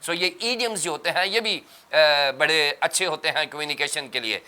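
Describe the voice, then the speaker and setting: Bright, clear-voiced male pastor teaching. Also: a little high. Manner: teacherly, explaining terms step by step. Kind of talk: religious TV panel discussion.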